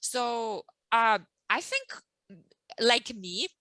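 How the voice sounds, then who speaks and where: Bright-voiced woman host, dry close sound. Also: on the high side, very animated, extremely slow, dry recording, low-quality recording. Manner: warm-up introductions with frequent ums and restarts. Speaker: host and emotional well-being coach. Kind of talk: casual interview chat.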